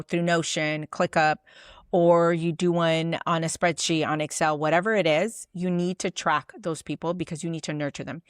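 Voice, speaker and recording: A woman with a lowish voice gives a casual business lesson straight to camera. Her talk is loose and chatty, full of "like," and she acts out sample messages as she goes. The sound is close and dry, with no room echo. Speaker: business coach.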